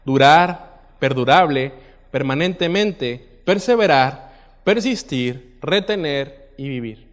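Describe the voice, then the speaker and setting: Guy preaching, reads scripture loud and strong, asks the crowd questions, big echoey hall. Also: on the high side. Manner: reads scripture aloud with swelling emphasis, questions the congregation. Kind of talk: sermon. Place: church hall. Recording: reverberant church hall.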